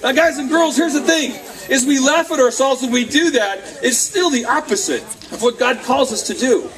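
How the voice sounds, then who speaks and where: Animated high-voiced man preaching to youth. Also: normal speed. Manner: animated, acts out quotes, laughs often. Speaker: youth speaker. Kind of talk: lively youth sermon. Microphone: camcorder from across the room. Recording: distant camcorder sound, faint crowd.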